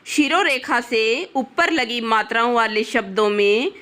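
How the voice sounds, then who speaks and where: A woman's voice: a little high, a bit bright. A woman teaching a grammar lesson, reading word lists one word at a time and speaking to children. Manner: deliberate, reads each word separately and addresses children. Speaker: Hindi teacher.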